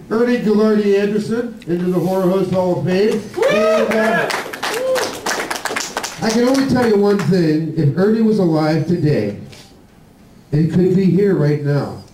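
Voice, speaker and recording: Male horror-show host at a live induction, higher-pitched, in a roomy echo with clear distance from the mic. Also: lively intonation, a little slow. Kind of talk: live awards induction speech. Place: large room at a live event. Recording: echoey hall, distant mic, noisy.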